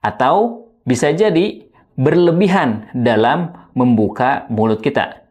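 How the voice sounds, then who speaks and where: A man with a mid-pitched voice presents an instructional lesson as a recitation teacher. He speaks very slowly and over-enunciates, shaping every vowel and syllable with deliberate care. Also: a little mellow. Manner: over-enunciates, carefully articulating each word and vowel. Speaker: host and teacher of Qur'an recitation. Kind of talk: scripted instructional lesson with demonstrations.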